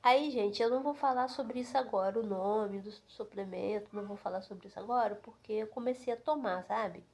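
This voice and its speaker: A woman in her fifties talks straight to her phone camera at home. Her chat is loose and rambling, full of fillers and little asides to her viewers. Her voice sits at an ordinary middle pitch. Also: fairly quick, darkish tone, husky. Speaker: vlogger.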